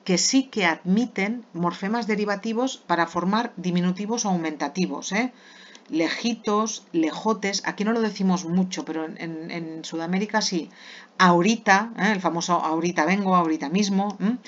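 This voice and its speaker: A woman's voice: on the low side, normal speed. Spanish woman teaching grammar, lo-fi. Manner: patient, with frequent "eh?" checks. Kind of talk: grammar lesson. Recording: dull lo-fi recording.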